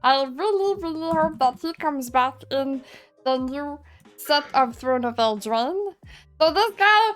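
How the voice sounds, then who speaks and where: A player putting on a squeaky goblin voice while taking a turn in a card game, giggly and sing-song. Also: lively intonation, slow, a bit bright, full character voice. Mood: goofy. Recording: faint background music.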